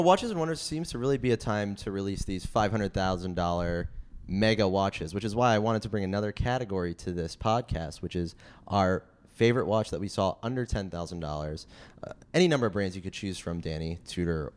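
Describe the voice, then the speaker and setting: A man runs a podcast panel, firing off questions to each guest in turn. His voice sits low and he talks at a quick clip. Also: darkish tone. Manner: brisk, steering the panel with questions. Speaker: podcast host.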